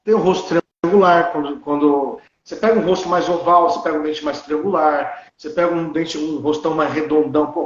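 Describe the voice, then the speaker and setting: High-voiced blunt Brazilian dentist, echoey. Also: male voice, dull audio. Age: 30s. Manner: animated, opinionated, blunt. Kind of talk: casual conversation.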